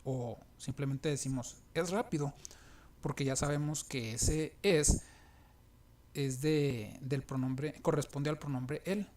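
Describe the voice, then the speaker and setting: A man giving a recorded English lesson, explaining at a patient, halting pace with pauses and reading example phrases with a questioning lift. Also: on the high side, steady tone, a little mellow, a little hiss or hum. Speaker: English teacher.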